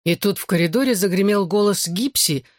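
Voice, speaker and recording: A man's voice: high-pitched, brisk, no echo, clean studio sound. A man narrating a first-person novel as an audiobook, in a terse, intense manner.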